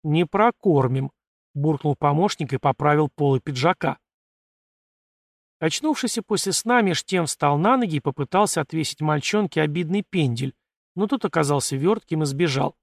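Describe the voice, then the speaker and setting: A man reading a first-person audiobook in a measured, even way. His voice is gravelly and a bit higher than usual, recorded dry and close. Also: no room sound. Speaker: audiobook narrator.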